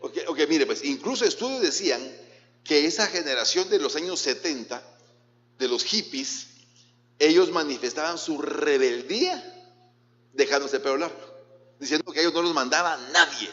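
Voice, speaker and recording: A Guatemalan pastor preaches in a bouncing, animated voice that sits a little high for a man. He keeps turning to question his listeners and slips jokes in between. The sound is a dull lo-fi recording with a long church-hall echo. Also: moderate pace. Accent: Guatemalan Spanish. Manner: questions the congregation directly, mixes in jokes. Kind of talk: sermon.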